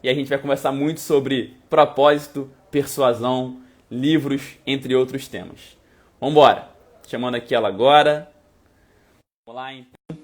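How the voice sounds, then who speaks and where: A man's voice: mid-range voice, steady tone, moderate pace. A man with a Brazilian Portuguese accent hosting a casual live-stream chat, upbeat and enthusiastic. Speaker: host.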